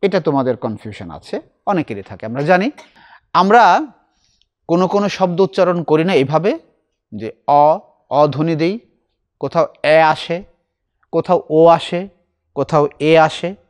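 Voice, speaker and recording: A middle-aged man teaching a recitation class, explaining slowly and asking his students questions. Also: a little high, animated.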